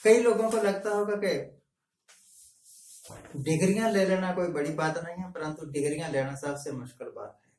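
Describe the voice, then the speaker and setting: A man speaking in a measured, explanatory way, often mixing in English words, as a vlogger giving a reflective talking-head monologue. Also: on the high side, a little mellow. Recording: echoey room, mic at a distance.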